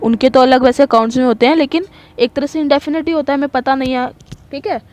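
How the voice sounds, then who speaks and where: A woman teaching an online English grammar lesson in Hindi. She reads each example sentence slowly, explains it, and keeps checking in with the class. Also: high voice, fairly even intonation, a little mellow, faint music behind.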